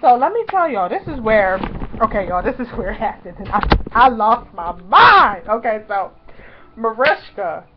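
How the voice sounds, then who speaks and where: A woman vlogger telling a personal story in an excited, gushing way, full of "like" and "y'all". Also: a little high, slight background noise. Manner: gushing, breathless, lots of "like" and "y'all". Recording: dull lo-fi recording.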